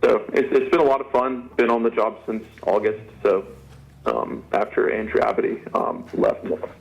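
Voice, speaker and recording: A man's voice: lowish voice, normal speed, gravelly. Muffled man with swollen-mouth speech. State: slightly muffled speech from swollen mouth after dental surgery. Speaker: sports editor and podcaster, guest. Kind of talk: casual sports interview talk. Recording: dull, band-limited radio-style sound.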